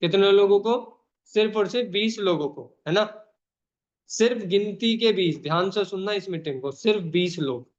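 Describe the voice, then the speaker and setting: A man's voice: sits high, normal speed. A man hosting an online meeting over a video call, calling out names and urging people on in an emphatic, repetitive way. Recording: dull lo-fi call audio.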